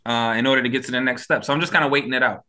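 A man co-hosting a casual podcast, laid-back and rambling, swearing casually and a bit high. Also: very fast, bright, forceful tone. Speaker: podcast co-host.

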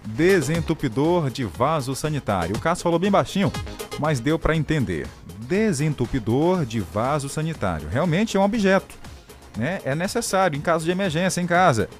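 Upbeat Brazilian radio host, music underneath. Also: male voice, on the high side, very animated, moderate pace. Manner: upbeat, playful teasing of callers. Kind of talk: live call-in quiz show. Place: radio studio. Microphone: studio microphone. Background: background music.

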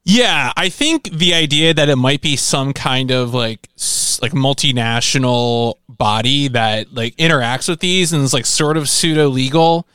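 A man's voice: mid-range voice, measured pace, hardly any pauses, bright, forceful tone, smooth, dry recording, studio quality. A man co-hosting a podcast with casual, analytical commentary. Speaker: podcast co-host.

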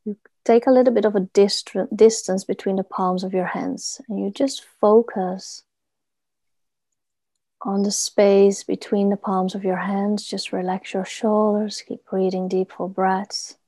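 Female meditation guide, mellow and unhurried, soothing murmur as if during a massage, close dry sound. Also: mid-range voice, level tone, dry recording. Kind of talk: guided body meditation, soft instruction.

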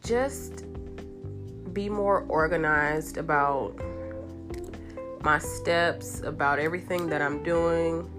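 A woman hosting a casual, chatty girl-talk show in an animated, informal way, congested with a cold so she sounds nasal, as if her nose is pinched shut. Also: deep voice, slow, long pauses, music in the background. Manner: animated, informal girlfriend talk with emphatic repetition. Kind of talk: casual chatty monologue to listeners.

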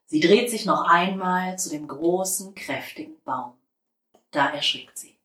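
A woman narrating a children's storybook in a soft, calm, expressive way. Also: on the low side, a little slow, roomy sound, rough recording.

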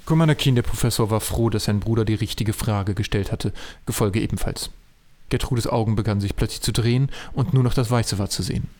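A male narrator reading a silly radio story with a completely straight face. His voice sits a little low and stays dry throughout. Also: fairly quick. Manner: dry, deadpan. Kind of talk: comic audio drama narration.

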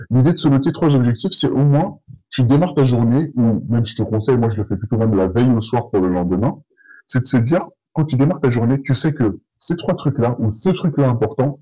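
A man's voice: mid-range voice, lo-fi sound. A man talking through a voice changer, hosting his own podcast in a casual, hesitant way with many fillers. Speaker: podcast host. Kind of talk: casual solo podcast talk.

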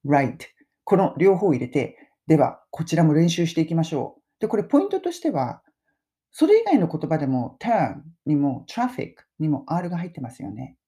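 A middle-aged woman hosting a casual spoken lesson, chatting and slowly modelling English phrases for listeners to repeat. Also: fairly low pitch, warm tone. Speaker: English pronunciation teacher and podcast host.

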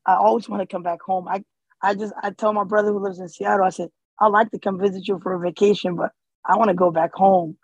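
A man's voice: high voice, little pitch movement, quick pace, breathy edge, dry recording, muffled recording. A man born in Somalia and raised in the US, speaking as an interview guest in a casual, hesitant way with many fillers and restarts. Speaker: interview guest, community organizer.

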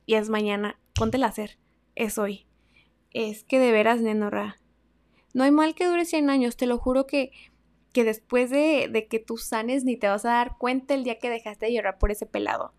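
A young woman with a Mexican accent hosting a casual advice podcast, chatty and slangy, swinging between loud emphasis and soft asides. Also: fairly high pitch, steady tone, moderate pace. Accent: Mexican Spanish. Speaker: podcast host.

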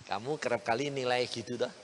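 A man, preaching a storytelling sermon, animated and acting out the people in his story while speaking to his listeners directly. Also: medium pitch, a little fast. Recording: reverberant hall with faint ambient noise.

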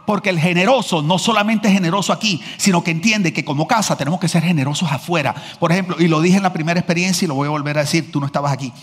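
A man preaching a sermon as pastor, telling stories in a lively, joking manner. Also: on the high side, very fast, hardly any pauses, breathy edge. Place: large church hall. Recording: echoey church hall.

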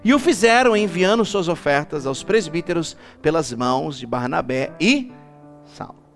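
A man preaching a lively church sermon as bishop, calling the congregation to repeat after him and building up to shouts. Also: fairly high pitch, moderate pace, faint music behind. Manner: animated, rising to shouts, calls congregation to repeat.

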